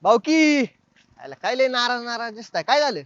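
A man's voice: very high voice, very animated, moderate pace, a bit bright, muffled recording, a little hiss or hum. A man acting in a rural comic skit, teasing and advising in village speech. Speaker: village comedy sketch actor.

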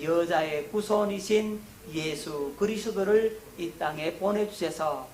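A middle-aged man preaching a sermon lecture as a pastor, who asks the congregation questions and answers them himself, getting higher and louder on key points. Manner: rises in pitch and volume on emphasis. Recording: echoey room.

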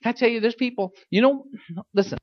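A man's voice: very high voice, quick pace, dull audio. A man preaching a fiery sermon as a pastor, emphatic and exhorting, repeating phrases and putting pointed questions to his listeners.

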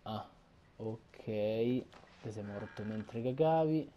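A man's voice: fairly low pitch, extremely slow, mellow. A young man giving horror game commentary through a headset, jumpy and swearing at what he sees. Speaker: gaming YouTuber. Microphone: headset earphones. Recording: audible background noise.

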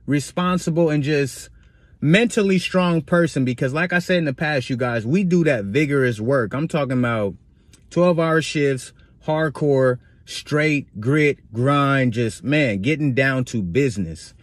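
A man's voice: medium pitch, unhurried, no room sound. A man vlogging a casual, emphatic story with preachy asides to his viewers.

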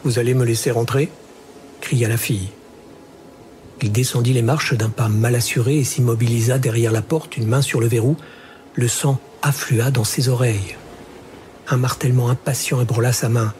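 A man reads a fantasy story aloud as an audiobook narrator, calm and unhurried. His voice sits in an ordinary middle pitch. A faint hiss lies under the recording. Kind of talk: scripted narration.

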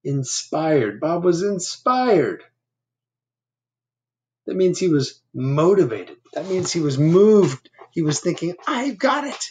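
A man in his fifties reads a picture book aloud to children in a small room at home, adding simple, instructive, conversational asides. His voice is on the high side and dark in tone, swinging widely in pitch as he takes it slowly.

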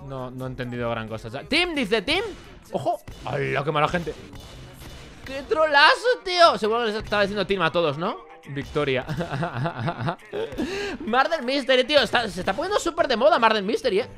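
A young man with a Spain Spanish accent gives casual reaction commentary as a YouTuber, jumping between loud exclamations and muttered asides. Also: high-pitched, very animated, a little fast, faint music behind.

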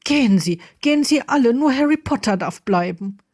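A woman's voice: medium pitch, normal speed, a little mellow, no echo, studio quality, close to an everyday voice. A woman voicing a distraught, tearful man who speaks in a panicked, pleading way.

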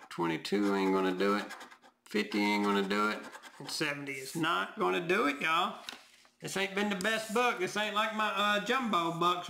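Folksy hoarse-voiced man. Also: sits high, sharp tone, a little hiss or hum. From Tennessee, US. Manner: folksy, talks to viewers as "y'all", reads numbers aloud. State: voice going hoarse. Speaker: lottery scratch-off vlogger. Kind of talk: casual commentary while scratching tickets.

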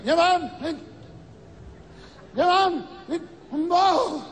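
A man voicing a wailing old woman mourner at a wake, drawn out and shrill. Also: extremely slow, reverberant, slight background noise, full character voice.

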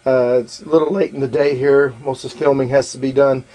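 A man's voice: mid-range voice, little pitch movement, brisk, warm tone. A man narrating a do-it-yourself repair tour, rambling with many fillers and restarts, filmed in a small RV bathroom. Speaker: RV renovation vlogger. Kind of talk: casual walkthrough narration.

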